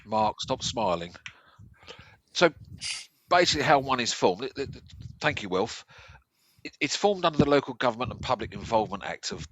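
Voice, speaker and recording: A man's voice: mid-range voice, sing-song, moderate pace, long pauses, fairly bright tone, no room sound, rough recording. An English man speaking as a local resident, giving opinions emphatically, repeating phrases for stress, with slightly slurred, toothless articulation. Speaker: local resident on a discussion panel. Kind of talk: opinionated discussion of local affairs.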